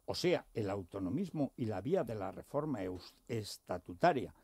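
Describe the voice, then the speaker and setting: A man's voice: fairly low pitch, very animated, moderate pace, darkish tone, husky, no room sound, clean studio sound. A man hosting a radio panel discussion, reading quotes aloud in a sardonic, mocking way. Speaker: radio talk show host. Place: radio studio. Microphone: studio microphone.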